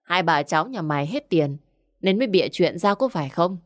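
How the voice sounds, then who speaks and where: A woman's voice: lowish voice, lively intonation, brisk, lightly acted. A woman voicing a rude, stingy middle-aged village man who scolds curtly. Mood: scolding. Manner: scornful, scolding, curt.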